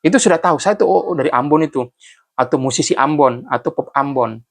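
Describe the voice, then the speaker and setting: A man from Central Sulawesi in Indonesia, an author casually talking through his essay and thinking aloud, often pausing and restarting. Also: on the high side, gravelly. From Banggai Laut, Central Sulawesi, Indonesia. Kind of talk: casual spoken commentary.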